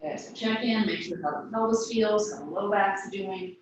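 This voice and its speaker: Brief: woman yoga teacher, calm breath cues, faraway mic in an echoey studio with faint hum. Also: medium pitch, normal speed, dull audio. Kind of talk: guiding a yoga class. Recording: echoey room, voice from a distance.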